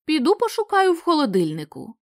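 A woman's voice: sits high, huge pitch swings, fairly quick, dry recording, clean studio sound, pitched above the performer's own voice, exaggerated voice. A woman reading the part of a kindly, weary old shopkeeper who speaks mildly with a sigh. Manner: sighing, mild.

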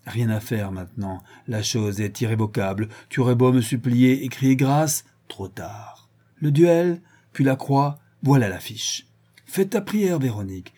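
With a husky voice, a man brings a cruel, unhinged villain to life in an audiobook, ranting and gloating as he swings from loud shouts to low hisses.

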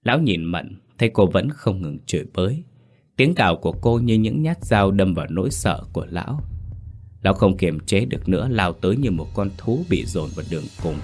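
A man's voice: low-pitched, animated, brisk. A man narrating a horror story with an intense, dramatic delivery. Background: faint music.

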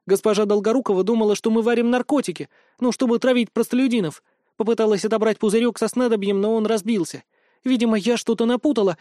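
A man voicing an apologetic young female alchemist in an audiobook, in a raised pitch. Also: dark tone, no echo, clean studio sound, close to an everyday voice. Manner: apologetic, pleading.

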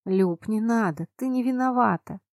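A woman reading an audiobook, voicing a worried young female healer who tries to calm her friend. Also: fairly high pitch, moderate pace, dry recording, studio quality, voice pushed up, close to an everyday voice. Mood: pleading. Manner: pleading, worried.

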